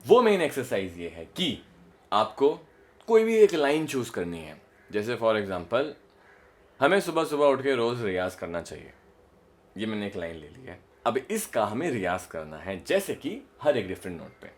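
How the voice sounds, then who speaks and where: A young male voice coach gives a casual spoken lesson on voice modulation in a lowish, very animated voice. He explains each exercise slowly and patiently, demonstrates it himself, and repeats a line on rising notes.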